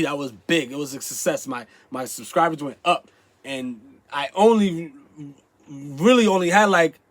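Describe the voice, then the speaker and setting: A man with a stuffy nose chatting casually to his viewers, rambling with lots of restarts and fillers, and breaking into loud, emphatic outbursts. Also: on the high side, no echo. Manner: bursts into loud emphatic yelling. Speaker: YouTube vlogger. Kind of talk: casual vlog chat to camera.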